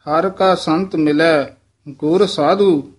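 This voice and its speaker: Slow, careful man teaching recitation. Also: on the high side, fairly even intonation. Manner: slow, careful modeling of phrasing, then quick explanatory asides. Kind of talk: recitation lesson with corrections.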